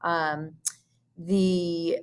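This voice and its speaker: Slow, patient woman teacher explaining a lesson. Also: lowish voice, level tone, clean tone. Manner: patient and explanatory, with soft filler hums. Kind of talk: recorded classroom lesson walkthrough.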